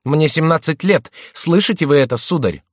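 A man voicing a touchy, hot-headed seventeen-year-old youth in shrill, indignant outbursts in an audiobook. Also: normal speed, no echo, studio quality, natural voice.

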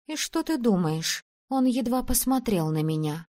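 A woman voicing a bold, sharp-tongued young female friend in an audiobook, with a teasing, bossy manner. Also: a little high, very animated, normal speed, voice pushed up. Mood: sulky. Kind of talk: audiobook character voice.

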